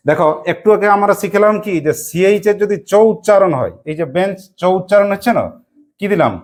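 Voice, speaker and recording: A woman teaching an English grammar lesson to a class, asking quick questions and spelling words out letter by letter. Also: mid-range voice, a little mellow.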